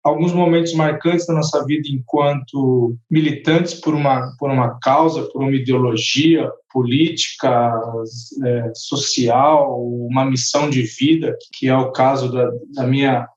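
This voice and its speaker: A man's voice: medium pitch, steady tone, unhurried, darkish tone. A man, a rapper and composer, talking thoughtfully in a casual panel conversation, often restarting his phrases. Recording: echoey, muffled online call audio.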